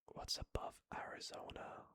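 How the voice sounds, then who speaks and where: Keyboard clicks fill the background as this ASMR creator types and murmurs in a slow, soft, unvoiced whisper. They hesitate often, correcting themselves mid-thought.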